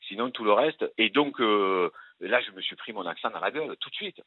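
A man with a Marseille accent, an actor guest telling rambling, animated stories with many fillers in a radio interview. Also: lowish voice, a little fast, no echo. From Marseille, France. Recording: tinny phone-like radio sound.

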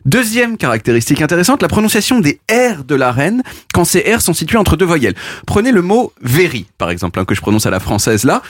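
A man's voice: a little high, fast talker, no echo. A man delivering a playful, mock-boastful explanatory radio chronicle in a studio. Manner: animated, mock-boastful, demonstrative. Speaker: radio columnist.

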